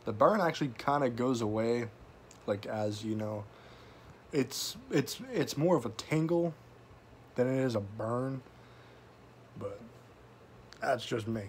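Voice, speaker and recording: A man's voice: medium pitch, slow pace, long pauses, slight background noise. A man giving a casual, sweary, folksy review to camera, talking with a tobacco pouch tucked in his lip. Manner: casual, profanity-laden, folksy slang. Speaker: product reviewer.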